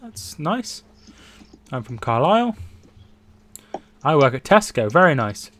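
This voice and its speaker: A man's voice: on the high side, very animated, slow, a bit bright. A man in his twenties from England, casually co-hosting a football watchalong stream, chatting and reading out viewer comments. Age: 20s. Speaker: livestream co-host.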